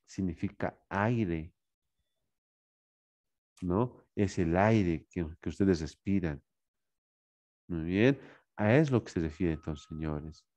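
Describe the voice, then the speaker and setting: Bolivian male teacher, low warm voice, lecturing tone with constant check-ins. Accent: Bolivian Spanish. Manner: repeats "¿no?" and "muy bien" as tags; addresses students as "señores". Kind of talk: classroom lecture.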